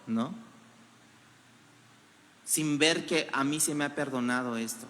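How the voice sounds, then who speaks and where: A man's voice: medium pitch, takes it slowly, a bit bright, big-room sound. A man preaching a sermon as pastor, with a Mexican Spanish accent, building emphasis through rhetorical questions. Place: church hall.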